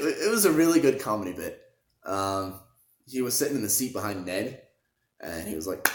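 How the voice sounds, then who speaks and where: Low, rambling young man recapping a movie. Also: echoey room. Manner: rambling, hesitant with fillers and throat-clearing, bursts of excited quoting. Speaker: movie reviewer. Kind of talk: casual spoiler recap.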